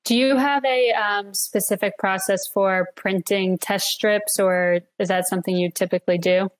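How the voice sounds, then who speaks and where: A woman's voice: mid-range voice, steady tone, normal speed. A woman moderating a webinar, reading out audience questions briefly and politely.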